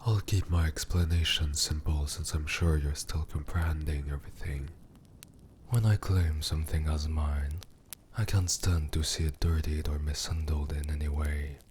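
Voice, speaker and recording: In this scripted ASMR character roleplay, a man voices a demon king, extremely deep and dark, unhurried and deliberate, with a steady tone. The character is smug, cruel, and possessive, menacing in a coolly amused, condescending way. A faint low rumble lies beneath his mellow, breathy delivery.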